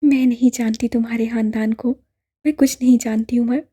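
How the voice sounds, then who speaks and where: A woman's voice: on the high side, fairly even intonation, normal speed, mellow, slightly rough. A woman voicing an adoptive mother who insists tearfully on her love, in an audiobook drama. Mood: pleading. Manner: insistent, emotional.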